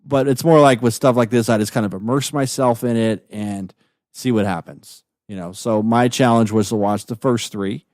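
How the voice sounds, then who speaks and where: A man's voice: medium pitch, fairly even intonation, moderate pace, darkish tone, no echo, studio quality. A man co-hosting a film podcast in casual chat, easygoing and full of "like" and "you know". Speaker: podcast co-host.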